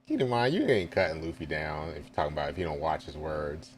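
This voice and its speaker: A man's voice: extremely low pitch, animated, quick pace, a little hiss or hum. A man reading a manga chapter aloud live and reacting with casual asides and chuckles.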